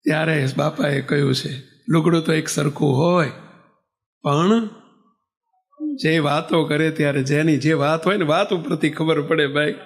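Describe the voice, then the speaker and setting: In a fairly high-pitched voice at a measured pace, a monk gives a sermon, telling stories with liveliness and asking the audience rhetorical questions.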